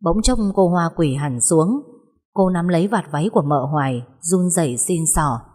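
A woman reading a story aloud in steady scripted narration. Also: lowish voice, moderate pace. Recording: long hall reverb.

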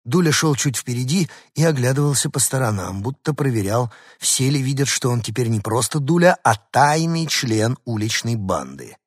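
A man narrating a children's story in the first person with expressive storytelling. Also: mid-range voice, moderate pace, hardly any pauses, slightly rough, no echo, clean studio sound. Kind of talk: scripted narration.

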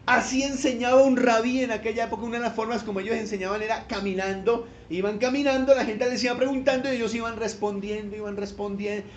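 High-voiced preacher in a roomy hall. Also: male voice, steady tone, fast talker, hardly any pauses, lo-fi sound, a little hiss or hum. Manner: storytelling preacher, acts out voices, rising to shouted cries. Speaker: pastor. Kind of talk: sermon.

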